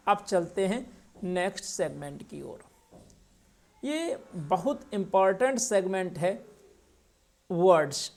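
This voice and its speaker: A man teaching a recorded grammar lesson, explaining patiently, asking his viewers questions and repeating each term in two languages. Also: high-pitched. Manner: repeats terms in both English and Hindi.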